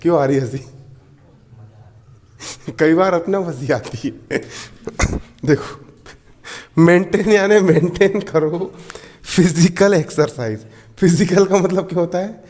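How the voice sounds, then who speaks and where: A man's voice: high voice, slow, darkish tone, long reverb tail. A man teaching a class in a chatty, laughing way, often asking his students if they follow. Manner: chatty, laughs often, repeats "theek hai". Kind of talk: classroom lecture.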